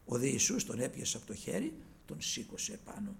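A male preacher delivering a fervent sermon, calling his listeners brothers and swinging from loud exhortation to hushed asides. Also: mid-range voice, sing-song, creaky.

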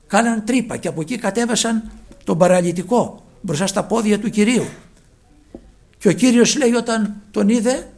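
A man preaching a sermon with fervour, his phrases often sinking to a hushed, low close. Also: creaky.

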